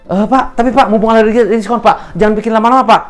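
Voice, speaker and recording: A man playing an overeager, pushy car salesman who pleads fast and insistently. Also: high-pitched, steady tone, soft background music, voice pushed up, close to an everyday voice. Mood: pressuring.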